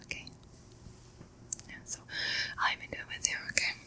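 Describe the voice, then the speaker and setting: A woman whispering softly and slowly through a pampering facial and calm breathing guidance. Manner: soft unvoiced whisper, slow soothing guidance. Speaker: ASMR creator. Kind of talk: ASMR whispered facial role-play.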